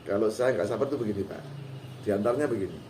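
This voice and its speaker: A man's voice: lowish voice, quick pace. Folksy man teaching recitation. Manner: folksy, chuckling, acts out short quotes. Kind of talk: informal religious lesson. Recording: roomy hall with faint background noise.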